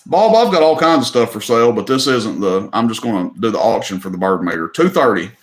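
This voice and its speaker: He sounds sing-song and brisk, with a mid-range voice and a roomy sound. The speaker is a middle-aged man with a Southern Tennessee accent hosting a live online auction, keeping his casual livestream chat folksy and joking, drawling and saying "y'all."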